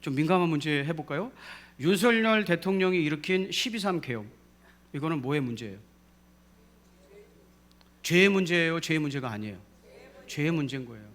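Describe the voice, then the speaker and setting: Preaching in a church sanctuary, this man speaks briskly with lively intonation and long pauses, his voice on the high side and a bit bright. He draws the congregation into responding and rises to emphatic peaks.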